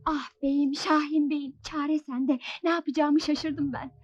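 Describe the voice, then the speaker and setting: A woman's voice: high voice, flat delivery, slow pace, highs cut off. A woman playing an anxious, secretive palace informer in a period film, imploring in distress. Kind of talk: melodramatic period film acting.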